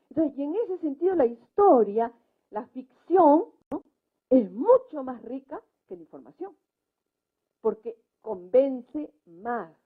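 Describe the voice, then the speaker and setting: Heard through a muffled, narrow-band live recording, a woman with a slightly high, breathy voice argues emphatically as a debate panelist. She speaks spontaneously and keeps slipping in brief tag questions.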